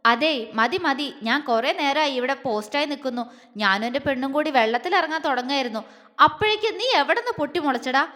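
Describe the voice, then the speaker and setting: A woman's voice: high-pitched, expressive, fast talker, a bit bright. A woman voicing a teasing, affectionate young husband with a mock-angry manner. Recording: long hall reverb.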